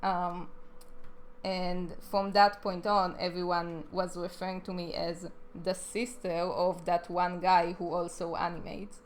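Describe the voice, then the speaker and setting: A woman's voice: fairly low pitch, a little hiss or hum. A young adult woman in a casual, chatty, self-deprecating voice-over, pronouncing her R's as W's. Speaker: animator narrating a speed draw video. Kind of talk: casual rambling voice-over commentary. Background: music behind the voice.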